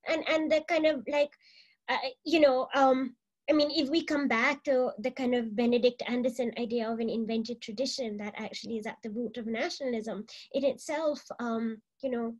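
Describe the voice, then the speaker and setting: A woman in her forties moderates from a book-lined room at home over a webcam. Her voice sits high, and she works up to each point through a string of fillers. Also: fairly even intonation, moderate pace, dull audio. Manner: hesitant, many fillers before points. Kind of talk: moderating a video call panel. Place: home library with bookshelves. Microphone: laptop webcam video call.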